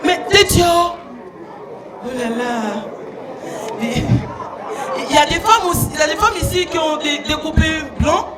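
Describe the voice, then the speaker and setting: A flirtatious, gushing lady, as a male comic puts her on with an affected French accent and a very high, drawn-out voice. She teases the crowd slowly and keeps adding "hein". A cheering audience and loud noise fill the live stage recording. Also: over music, poor audio. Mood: teasing. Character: flirty, gushing woman, Madame Ducu, with a put-on French accent. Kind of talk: stand-up character comedy on stage. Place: concert stage before a large audience.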